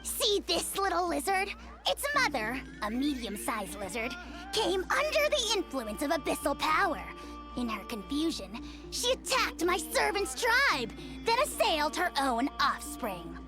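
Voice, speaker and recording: A bossy little dragon lord talks down to everyone in grand, imperious game dialogue. The voice sits high and leaps all over, cackling between decrees. Loud game music plays behind. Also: female voice, huge pitch swings, measured pace, full character voice. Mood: lordly. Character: pompous tiny male dragon lord, haughty and bossy.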